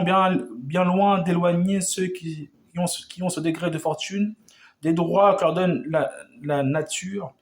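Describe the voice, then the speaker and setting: A man with a fairly high voice delivers an old revolutionary speech as oratory. He builds long rhetorical sentences and often trips over words and starts them again. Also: darkish tone. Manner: oratorical, with frequent stumbles and restarts. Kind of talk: declaiming a historic revolutionary speech.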